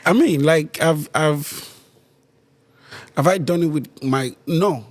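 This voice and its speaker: A man's voice: a little high, slow pace, no room sound. A man in his thirties hosting a podcast in casual, joking chat, laughing often. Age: 30s. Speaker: podcast host.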